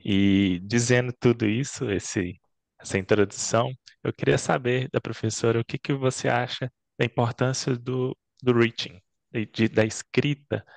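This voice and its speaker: A man's voice: medium pitch, fairly even intonation, normal speed, creaky, no room sound. A man with a Brazilian Portuguese accent hosting an online interview over a video call, talking hesitantly with many fillers. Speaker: host.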